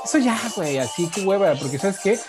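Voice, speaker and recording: A man's voice: sits high, expressive, fairly quick, music in the background. A man with a Mexican accent in a casual debate, blunt and slangy, swearing freely. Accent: Mexican Spanish.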